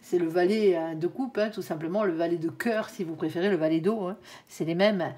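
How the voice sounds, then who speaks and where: A woman's voice: lowish voice, brisk, warm tone. A woman giving a tarot reading to viewers, chatty and reassuring, with frequent "hein" tags and the odd stumble over her words. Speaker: tarot card reader.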